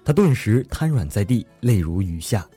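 A man hosting a comedy radio show, telling jokes in speech with animated storytelling and acted-out punchlines. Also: lowish voice, moderate pace, husky, soft background music. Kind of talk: lively comedic joke-telling radio narration.

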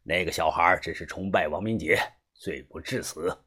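A man voicing a sly, smug middle-aged fixer in an audiobook, speaking smoothly with a knowing edge. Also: sits low, normal speed, sharp tone, voice pushed down, exaggerated voice. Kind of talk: audiobook character voice.

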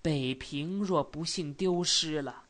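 A woman voicing a soft-spoken old scholar. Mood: sorrowful. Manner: soft, low-voiced, measured. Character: gentle older male scholar, calm and sorrowful.

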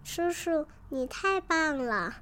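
A woman voicing a small crybaby baby dinosaur who is sweet and polite, speaking slowly like a child. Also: sits high, expressive, sharp tone, full character voice. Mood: delighted. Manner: slow, tearful childlike pleading.

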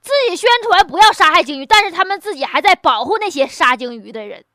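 A woman's voice: very high-pitched, expressive, quick pace, sharp tone, no echo, studio quality. A woman with a Northeastern Chinese accent giving casual, humorous news commentary in a blunt, mocking, colloquial way full of rhetorical questions. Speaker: host.

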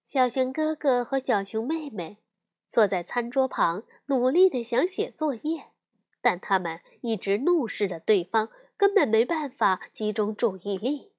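In a somewhat high voice and at a measured pace, a woman reads aloud from a children's picture book, bringing expressive storytelling to it.

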